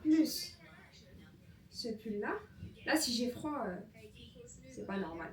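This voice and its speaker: A young woman from France chats casually in a travel vlog, using slang and laughing often. Her voice is fairly high and sing-song, and she speaks at a slow pace. Music plays over the audio.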